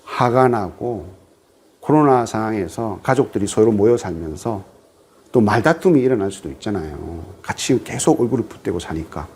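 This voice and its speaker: Lively Buddhist monk preaching, husky voice. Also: male voice, fairly low pitch, normal speed. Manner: animated storytelling, acting out quoted speech. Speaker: Buddhist monk giving a dharma talk. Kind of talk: televised sermon.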